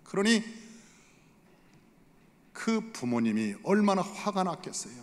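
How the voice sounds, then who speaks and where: A man's voice: high voice, sing-song, slow pace, long reverb tail. A male pastor preaching a Sunday sermon in a church sanctuary, emphatic and full of rhetorical questions to the congregation.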